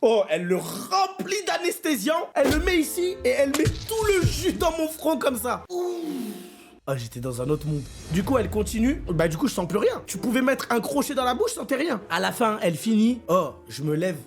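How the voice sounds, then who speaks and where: A man's voice: extremely high pitch, fairly quick, gravelly, hardly any pauses. Young guy rattling off a crazy story, music going behind him. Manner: animated, slangy, acts out scenes with big swings. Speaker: streamer. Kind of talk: casual storytelling to viewers.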